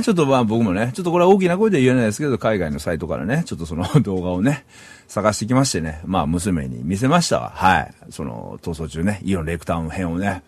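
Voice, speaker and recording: A man's voice: fairly low pitch, husky, dry recording. A middle-aged man from Saitama, Japan, hosting a solo podcast in a rambling, casual way and chuckling at himself. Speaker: podcast host.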